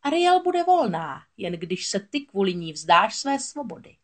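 A woman voicing a gloating female sea witch who speaks slowly and croaks triumphantly. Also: medium pitch, very animated.

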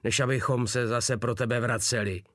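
A man's voice: mid-range voice, steady tone, fairly bright tone, no echo, clean studio sound, lightly acted. A man voicing a crude, sarcastic male soldier who talks in a coarse, mocking way, in a storybook reading. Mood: sharp, sarcastic.

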